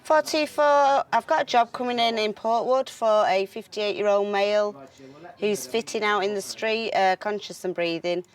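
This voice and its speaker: A woman ambulance dispatcher giving jobs over the radio in a brisk, businesslike way. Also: mid-range voice, fairly even intonation, recorded from a distance.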